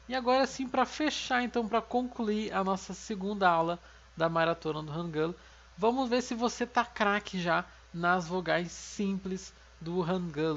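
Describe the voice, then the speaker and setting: A woman's voice: mid-range voice, muffled recording. A woman with a Brazilian Portuguese accent teaching a language lesson patiently, explaining step by step and often checking in with her students. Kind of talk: online video lesson.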